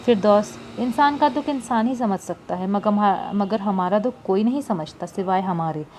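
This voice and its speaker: A woman's voice: mid-range voice, normal speed, darkish tone, a little hiss or hum, natural voice. A woman voicing a lonely, grieving older woman who speaks plaintively in an audiobook. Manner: plaintive, tearful.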